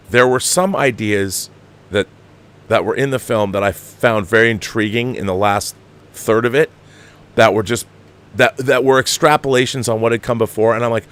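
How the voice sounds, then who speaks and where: A film review show host shares his opinions on movies in a conversational way, his somewhat bright voice swinging widely in pitch as he drives his points home. He restarts and repeats phrases, sounding exasperated and emphatic.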